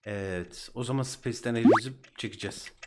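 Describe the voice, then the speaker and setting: Loud game music and heavy noise surround this young Turkish-accented gaming host as he speaks quickly at medium pitch. His casual let's-play commentary is full of frustrated outbursts and exclamations.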